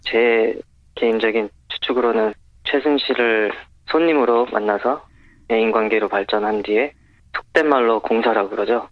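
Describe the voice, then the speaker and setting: An anonymous male witness talks over a phone line, his voice lowered by a voice changer, and gives brief, matter-of-fact answers. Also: moderate pace, no echo. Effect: voice disguised by a pitch-lowering voice changer. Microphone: phone call. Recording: dull, muffled phone-line sound.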